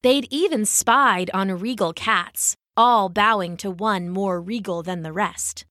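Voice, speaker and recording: A woman reading a children's story aloud, expressive and animated. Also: medium pitch, slow pace, no echo, studio quality.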